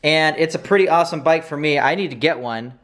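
A man's voice: fairly high pitch, brisk, a bit bright. A man in his thirties, a family vlogger, chatting in a casual, upbeat, laughing way to a camera held at arm's length. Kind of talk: casual vlog chat. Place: kitchen and outdoors, phone held at arm's length. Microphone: handheld camera at arm's length.

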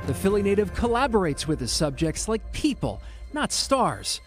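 A male TV news reporter narrating a feature and chatting on set in a news studio, animated delivery. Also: sits high, moderate pace, faint music behind.

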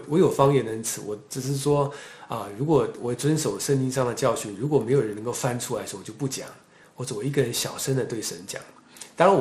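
A man's voice: medium pitch, darkish tone, roomy sound. A man preaching a sermon emphatically, asking rhetorical questions and raising his voice to press each point.

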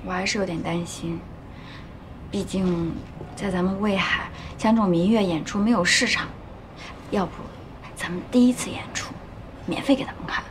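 A woman's voice: fairly low pitch, fairly even intonation, normal speed, long pauses, noisy background, natural voice. A woman acting in a TV drama, speaking in a worried, questioning way. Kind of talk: TV drama dialogue.

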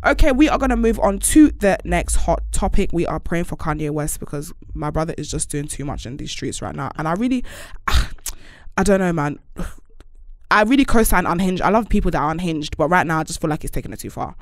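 A woman's voice: on the low side, lively intonation, brisk, no room sound. A young woman with an urban London street accent chatting as a podcast host, emphatic and slangy, repeating phrases for effect in a studio. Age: young adult. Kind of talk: animated casual chat about hot topics. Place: small podcast studio, indoors. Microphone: close studio desk microphone.

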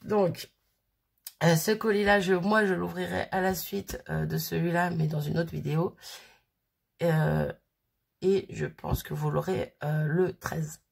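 A woman's voice: on the low side, fairly even intonation, unhurried, vocal fry, slightly rough. A woman in her thirties chatting casually as she unboxes a birthday parcel, rambling and giggly, with a sniffly nose. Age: 30s. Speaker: crafting vlogger.

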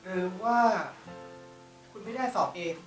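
A woman's voice: measured pace, faint music behind, natural voice, rough recording. A woman playing a polite, formal male company president in an online short drama. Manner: formal and polite, addresses staff courteously.

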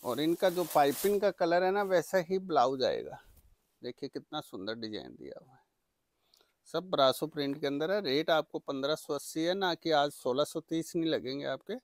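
A man presenting products for sale in an eager, repetitive teleshopping-style pitch. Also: lively intonation, moderate pace, no echo. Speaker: saree seller presenting products. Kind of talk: product sales demonstration.

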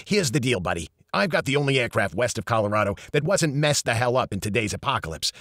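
A man's voice: very animated, fast talker, fairly bright tone, no echo, clean studio sound. A man voicing a greedy, sleazy heavyset male gold dealer with a New York accent, pushing a hard bargain. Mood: wheeling-dealing. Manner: pushy sales-pitch bargaining.

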